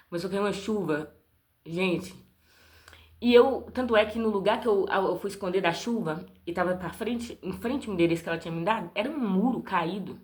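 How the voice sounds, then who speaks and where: Earnest middle-aged Brazilian woman telling a story. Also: on the low side. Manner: earnest, repetitive, addresses listeners as "gente". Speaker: vlogger telling a personal story. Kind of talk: emotional personal testimony.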